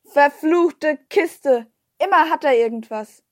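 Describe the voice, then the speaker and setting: A woman puts on a grumpy old man who is half-deaf and half-lame. His croaky voice comes out gruff and commanding, and he snaps out short orders and complaints. The recording is close and dry. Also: high-pitched, animated, unhurried, dry recording. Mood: grumbling.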